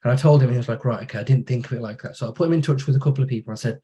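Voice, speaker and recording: Male podcast guest, warm low-key tone, anecdotal and conversational. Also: racing, muffled recording. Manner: relaxed storytelling, acts out quoted dialogue. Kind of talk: casual conversation.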